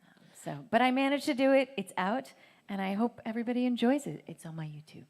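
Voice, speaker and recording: A woman's voice: a little high, expressive, fast talker, darkish tone. A woman singer-songwriter talking as a guest in a live radio session, playful and at times whispery. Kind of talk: live radio performance and interview. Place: radio station live music stage.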